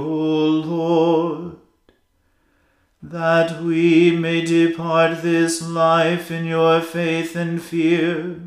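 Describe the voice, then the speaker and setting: A choir chanting in a long, steady line at a very unhurried pace, each phrase held level with little rise or fall. Their voices bloom into a wide cathedral echo, with faint music beneath. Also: mid-range voice. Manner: slow, even choral chanting. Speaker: church choir. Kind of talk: sung evening liturgy. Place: large stone cathedral.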